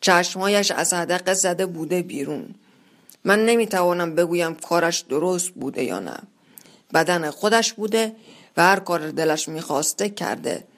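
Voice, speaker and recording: A narrator reading a literary story aloud in a measured, first-person voice. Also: medium pitch, fairly bright tone.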